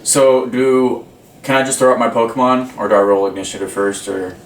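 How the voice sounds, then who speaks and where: A man's voice: medium pitch, little pitch movement, fairly quick, a little hiss or hum. A man playing a tabletop game, easygoing and friendly. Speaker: player. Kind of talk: casual tabletop play. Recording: distant from mic in an echoey room.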